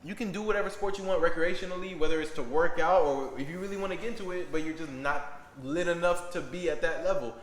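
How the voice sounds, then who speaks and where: A young man co-hosting a casual sports podcast, excitable and quick to laugh, often trailing off into fillers. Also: fairly high pitch. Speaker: podcast co-host.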